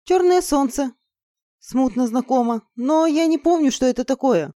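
A woman's voice: high-pitched, lively intonation, normal speed, dark tone, dry recording, clean studio sound, voice pushed up. A woman voicing an anxious, fearful young sorceress in an audiobook, her lines pleading and panicky. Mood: explaining.

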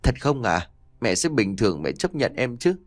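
A soft-spoken, pleading young wife, as a male narrator puts her on in an audio storybook. She talks quietly and haltingly. The voice sits close and dry. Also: medium pitch, very animated, no room sound. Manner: soft and hesitant.

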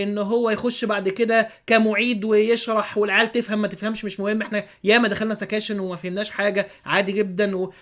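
A man's voice: sits high, a bit bright. A man with an Egyptian Arabic accent hosting a podcast, giving a religious commentary monologue full of sarcastic rhetorical questions. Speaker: podcast host.

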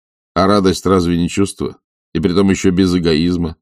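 A man voicing a steady, practical friend with a calm, reassuring manner. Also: low-pitched, moderate pace, clean tone, no echo, clean studio sound, lightly acted.

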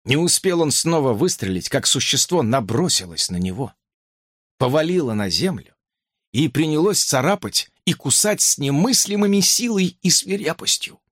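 Guy reading a horror audiobook, pitch moves all over, dry sound. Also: very animated, normal speed, fairly bright tone, dry recording. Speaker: audiobook narrator. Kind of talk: scripted horror narration.

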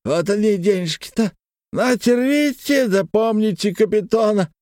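Мужчина озвучивает хвастливого, пьяного, громкого купца-капитана в аудиокниге. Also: male voice, high voice, lively intonation, unhurried, no echo, studio quality, voice pushed up. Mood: triumphant shouting. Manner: shouting, bragging, speaks of himself in third person. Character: boisterous drunken male merchant captain, boastful.

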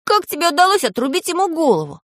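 A woman voicing an eager, excitable young boy who keeps exclaiming and asking questions in a storybook reading. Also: high-pitched, fairly quick, dry recording, pitched above the performer's own voice, exaggerated voice.

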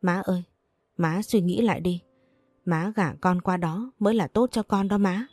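A woman voicing a young daughter who calmly and firmly persuades her mother. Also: lowish voice, normal speed, no echo, close to an everyday voice. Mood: persuasive. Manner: calm, firm, persuasive. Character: young daughter, resolute and self-sacrificing.

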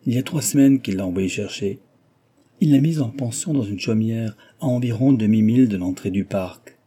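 A man reading an audiobook voices a giddy, mocking young noblewoman who gossips in a lively, teasing way. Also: lowish voice, normal speed, breathy edge. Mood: gleeful gossip. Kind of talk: audiobook reading of a classic novel.

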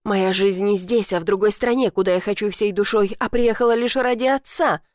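A woman's voice: medium pitch, steady tone, fairly quick, no room sound, studio quality, lightly acted. A woman voicing a proud, defiant young heroine in an audiobook, snapping back.

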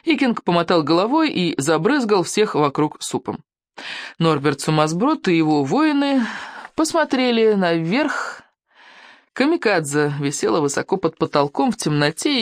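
An audiobook narrator telling an adventure story in a lively manner, doing voices for the characters. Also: medium pitch, normal speed, dry recording, studio quality. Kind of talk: scripted narration.

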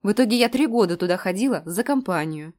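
A woman's voice: mid-range voice, lively intonation, fast, a little mellow, lightly acted. A woman reading an audiobook who voices a skeptical, sarcastic young woman, close to her own voice. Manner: dry and sarcastic.

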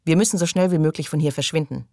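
Woman reading a serious guy warning everyone, low voice, dry sound. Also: fast talker, warm tone, no echo. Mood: earnest. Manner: earnest, urgent. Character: serious, guarded man taking charge.

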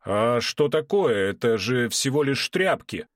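A man voicing a frantic middle-aged male house manager who keeps denying everything in a shrill, indignant voice. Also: very animated, unhurried, no echo, studio quality.

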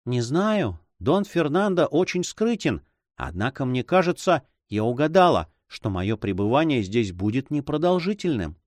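A man reading an audiobook, voicing an anxious, tender young woman who speaks softly and hesitantly. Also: medium pitch, very animated, moderate pace, no room sound, clean studio sound, voice pushed up, close to an everyday voice. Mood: fearful. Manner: soft, fearful and hesitant.

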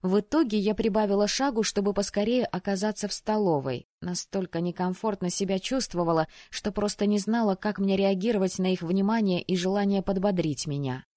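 A woman reading a fantasy audiobook in the first person, her mid-range voice even and measured. The recording is dry and close, with no room around her. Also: mid-range voice, dry recording. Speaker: audiobook narrator.

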